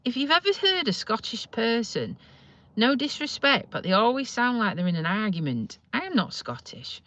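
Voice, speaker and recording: Very animated and fairly high-pitched, she talks at normal speed with a somewhat bright tone, though the highs are cut off. The Lincolnshire vlogger, faintly Yorkshire in accent, rambles chattily to live-stream viewers from her parked car, often at her own expense.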